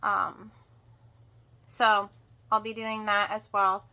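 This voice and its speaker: A woman giving a casual homestead update to viewers in a halting way, sounding drained and emotional after surgery. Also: mid-range voice, flat delivery, pushed and bright. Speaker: homestead vlogger.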